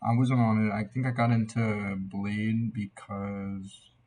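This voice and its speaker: A young man giving a casual, tipsy album reaction in a loose, meandering, slightly husky way. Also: fairly low pitch, flat delivery, takes it slowly, a little mellow. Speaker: amateur music reviewer.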